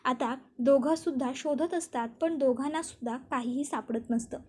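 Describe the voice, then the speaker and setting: A woman narrates a TV serial episode as a flowing story. Her voice sits high, and she reads each character's dialogue aloud within the narration. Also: normal speed, a little mellow, husky. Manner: retells scenes and voices characters' lines in quotes.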